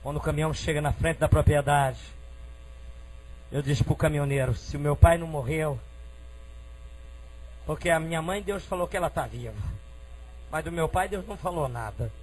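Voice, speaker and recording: High-voiced fervent Brazilian preacher man. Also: moderate pace, pauses often, low-quality recording. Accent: Brazilian Portuguese. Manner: fervent, swinging from quiet storytelling to shouted praise. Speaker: preacher giving testimony. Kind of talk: emotional preaching testimony.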